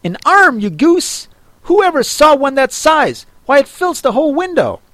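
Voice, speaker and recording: A man voicing an impatient, bossy male rabbit in a storybook, shrill and ordering others about. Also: big pitch swings, normal speed, pushed and bright, dry recording, full character voice. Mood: irritable.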